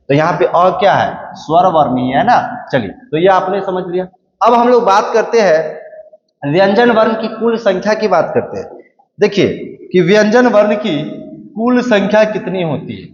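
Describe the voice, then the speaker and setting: A male teacher giving a grammar lesson, who repeats each point and asks the class questions before he answers them. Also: high-pitched. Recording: echoey room, dull lo-fi sound.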